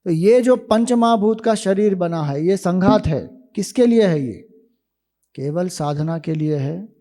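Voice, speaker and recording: A man giving a spiritual discourse, explaining ideas slowly with rhetorical questions to listeners in a hall. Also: high-pitched, mellow. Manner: slow, deliberate, rhetorical questions. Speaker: spiritual teacher. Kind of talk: Vedanta discourse to youth camp.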